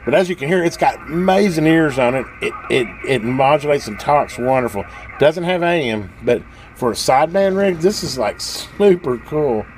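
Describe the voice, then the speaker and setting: Showing a vintage radio on his video, a hobbyist host rambles enthusiastically and folksily through a casual, unscripted hands-on demonstration. He speaks at a normal speed in a fairly high, expressive voice, over radio static, background noise and CB hiss and chatter.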